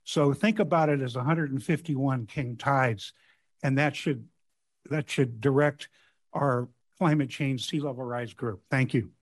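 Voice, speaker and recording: A man's voice: medium pitch, a little slow. A man making an earnest, matter-of-fact public comment.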